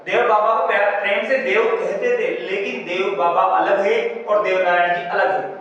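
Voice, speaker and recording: A man's voice: sits high, fairly even intonation, normal speed, fairly bright tone. A male teacher giving an exam-prep lesson, repeatedly quizzing his students with call-and-response questions and calling them beta. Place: classroom. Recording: echoey room from far off, dull lo-fi sound.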